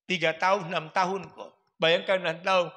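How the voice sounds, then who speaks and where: A man's voice: sits high, level tone, a little fast, bright, forceful tone. A man in his fifties with a Makassar accent, giving a humorous sermon and acting out family stories. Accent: Makassar Indonesian. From South Sulawesi, Indonesia. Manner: storytelling, swaps into voices of mother and father. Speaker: preacher. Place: mosque hall. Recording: echoey mosque hall.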